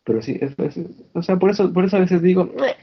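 A man talks in a lively, slangy way, often restarting his sentences. His voice is husky, and the call audio sounds dull and lo-fi. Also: high-pitched, quick pace. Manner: animated, slangy, frequent restarts. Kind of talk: casual chat. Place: indoors in Canada.

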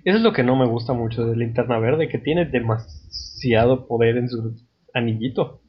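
A man's voice: mid-range voice, moderate pace, dull audio, a little hiss or hum. A man, chatting casually over a call with a dry, joking manner. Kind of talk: casual chat.

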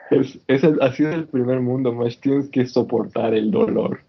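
Husky man, slangy and animated. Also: medium pitch, slow pace, lo-fi sound. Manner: animated, slangy, frequent restarts. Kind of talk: casual chat. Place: indoors in Canada.

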